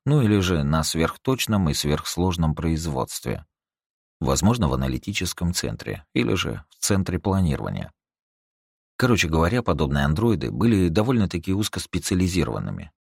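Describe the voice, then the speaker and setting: A man reads a science fiction story aloud in a very deep voice. His intonation rises and falls widely as he tells it. The recording is dry and close, with no room echo. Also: vocal fry, husky. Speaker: audiobook narrator. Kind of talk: audiobook narration of a sci-fi story.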